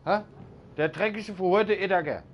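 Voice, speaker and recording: A man's voice: high voice, moderate pace, highs cut off, a little hiss or hum. A man chatting casually while playing a shooter game, grumbling and swearing. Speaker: video game player. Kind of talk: casual chat while gaming. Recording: game gunfire behind the voice.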